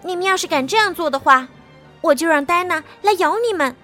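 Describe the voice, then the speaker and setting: A woman voicing a spirited, curious young girl who thinks aloud and now and then shouts back. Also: high voice, expressive, moderate pace, faint music behind. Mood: defiant. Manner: wondering to herself, sometimes crying out. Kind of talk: storybook reading.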